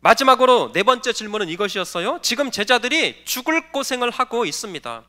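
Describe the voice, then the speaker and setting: A man's voice: very high-pitched, pushed and bright. A male pastor giving a sermon, posing questions to the congregation and answering them, and calling for the next slide. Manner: directs the slide operator between points.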